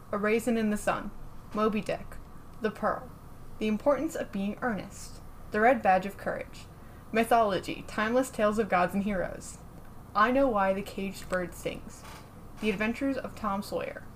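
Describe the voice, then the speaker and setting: A woman's voice: medium pitch, slight background noise. A young adult woman co-hosting a podcast, talking in a chatty, giggly way. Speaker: podcast co-host. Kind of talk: casual chat.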